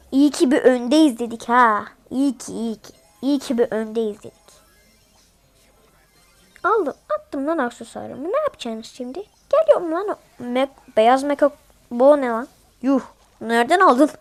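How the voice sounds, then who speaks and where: A woman with a notably high voice calls out a mobile game as she plays it. Her commentary is excitable and jumpy. She yelps strings of repeated words at the screen, then drops into chatty asides to her viewers. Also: moderate pace, pauses often, soft background music. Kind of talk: live gameplay commentary.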